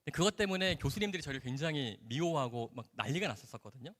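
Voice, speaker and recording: A man's voice: mid-range voice, expressive, quick pace, fairly bright tone, a little hiss or hum. A man, a doctor, telling a personal testimony in a storytelling way and acting out the dialogue. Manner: storyteller who acts out quoted dialogue. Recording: long hall reverb.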